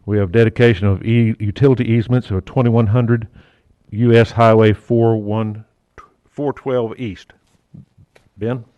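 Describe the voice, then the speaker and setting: A man chairing a city council meeting as mayor, his voice muffled through a face mask, talking haltingly with fillers and the odd joke. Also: on the low side, steady tone, no echo. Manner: halting, with fillers and restarts, lightly joking.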